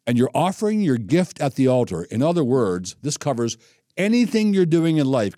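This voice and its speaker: Mellow-voiced pastor preaching conversationally. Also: male voice, medium pitch, no echo, studio quality. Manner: conversational, animated, acts out scripture and quoted speech. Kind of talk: sermon teaching.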